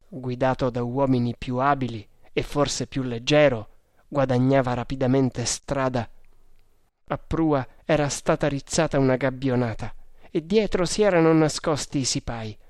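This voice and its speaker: A man reading an adventure story aloud in a measured, dramatic way. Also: mid-range voice, darkish tone, no room sound. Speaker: narrator. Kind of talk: audiobook narration.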